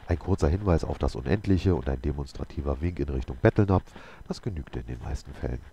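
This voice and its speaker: A man's voice: a bass voice, lively intonation, fast, dark tone, a little hiss or hum. A man reading a novel aloud as a game video host, telling the story steadily with occasional slips. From Germany.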